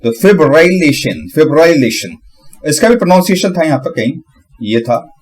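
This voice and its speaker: A man giving a casual tutorial on pronunciation, breaking hard words into syllables and repeating them slowly. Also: on the high side, lively intonation, darkish tone. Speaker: channel host.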